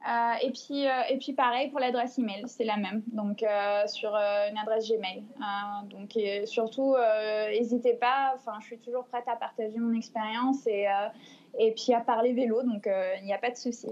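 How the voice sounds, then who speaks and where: A woman in her twenties answers interview questions in a fairly high voice, with many fillers and restarts. The sound is dull and lo-fi. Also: fairly even intonation, moderate pace, darkish tone. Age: 20s. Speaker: guest, long-distance cyclist. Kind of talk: podcast interview.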